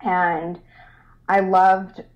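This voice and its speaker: A woman's voice: on the low side, level tone, drawn-out words. A young adult woman from Rochester, New York, speaking as a guest in a casual interview, bubbly and eager, laughing often. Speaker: guest designer. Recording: dull lo-fi sound.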